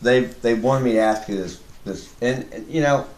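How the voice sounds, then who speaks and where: A man's voice: mid-range voice, moderate pace. A man interviewing in improvised comic banter, putting leading questions in a mock-serious way. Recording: echoey room.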